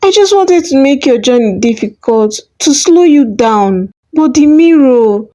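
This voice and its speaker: A woman voicing a bitter, jealous village woman who practices dark magic, speaking in a sharp, sarcastic way. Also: high voice, animated, unhurried, pitched above the performer's own voice. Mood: tearful. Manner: sharp and sarcastic, turning tearful.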